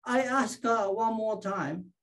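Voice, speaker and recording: High-voiced woman teaching very slowly. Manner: short phrases, acts out patients. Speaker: shiatsu teacher. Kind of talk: teaching through an interpreter.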